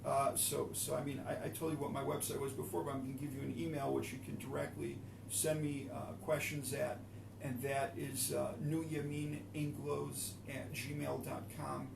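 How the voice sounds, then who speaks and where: A man's voice: medium pitch, creaky. A man, a father of three, speaking as an election candidate in an interview, earnest and pleading, with many fillers. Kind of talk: interview answer. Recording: echoey room, far from mic, noisy.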